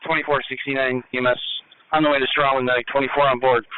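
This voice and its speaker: A man's voice: mid-range voice, little pitch movement, fast, clean tone, no echo. A man on a fire or EMS crew, calling dispatch over a two-way radio in terse, clipped call codes. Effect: heard over a two-way radio. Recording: tinny scanner radio with faint hiss.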